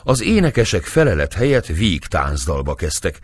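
A man's voice: low voice, very animated, no echo. A man narrating a novel as an audiobook reader, telling the story expressively.

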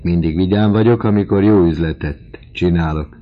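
A man voicing a boisterous, mocking middle-aged male lodger in a story reading, loud and teasing. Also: sits low, muffled recording, close to an everyday voice. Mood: jovial mocking.

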